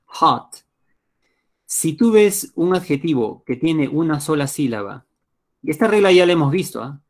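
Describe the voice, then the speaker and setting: A male English teacher with a Peruvian Spanish accent leads a live online lesson through a computer mic. He walks through each step patiently, pausing often to make sure students are following. His voice is on the high side and darkish in tone, with lively intonation at a moderate pace.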